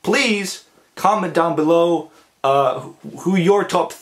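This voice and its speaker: Man, casual vlog monologue, stammers and restarts, fillers, emphatic, mid-pitched voice. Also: normal speed. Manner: stammering, repeats words, frequent fillers; enthusiastic, emphatic with crude slang. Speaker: anime vlogger. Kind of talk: casual ranking monologue to camera.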